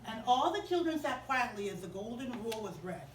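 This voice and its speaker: A woman tells a story to children in a chapel. She is animated and keeps asking the children questions, in a high voice. The mic sits far from her in an echoey room with faint ambience. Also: fairly quick, slight background noise.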